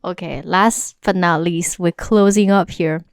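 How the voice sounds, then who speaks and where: A woman's voice: lowish voice, fairly even intonation, unhurried, clean tone, no echo, clean studio sound. A woman co-hosting a casual review podcast, wrapping up the talk and teasing her co-host with questions.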